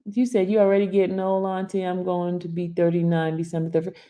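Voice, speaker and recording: A fifties-aged woman reads viewer comments on her casual live stream, teasing them by name and earnestly discussing her stress, in a fast, mellow voice that's fairly low and level in tone.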